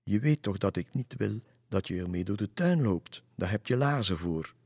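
A man's voice: lowish voice, animated, normal speed, darkish tone, husky, no echo. A man voicing a strict, caring mother with a firm, scolding manner while reading a storybook aloud. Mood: stern.

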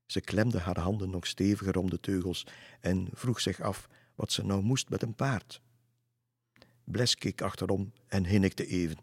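A man reads a children's storybook in a calm, measured way. His voice is very deep with a husky edge. The recording is dry and close. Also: no room sound. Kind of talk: storybook narration.

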